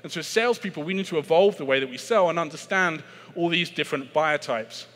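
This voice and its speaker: A British man from Britain speaks fast in a bright, forceful, slightly high voice while delivering a sales keynote at a conference. Chatty and self-deprecating, he stumbles into fillers and restarts, and a long reverb trails his words around the large hall.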